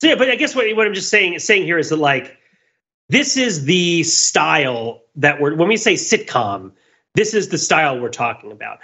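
A man co-hosts a podcast as a commentator, rambling casually and enthusiastically through an analytical discussion. His slightly high voice is pushed and bright, moves at a moderate pace, and swings widely in pitch.

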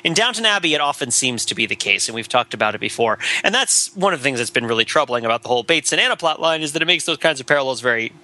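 A man hosting a podcast in casual chat, rambling and animated, with many fillers and running jokes. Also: medium pitch, racing, few pauses. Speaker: podcast host.

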